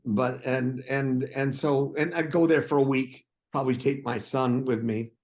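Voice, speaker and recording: A man's voice: mid-range voice, steady tone, normal speed, a little mellow. A man from Wisconsin, a guest on a talk show, chatting casually in a wry, self-deprecating way. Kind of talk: casual chat.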